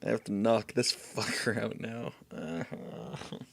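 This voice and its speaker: A man's voice: lowish voice, completely flat delivery, normal speed, gravelly, a bit bright, dry recording. A man commenting casually on a stealth game as he plays, swearing and laughing at his own failures. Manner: frustrated outbursts, swearing, laughing at himself. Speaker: gameplay streamer.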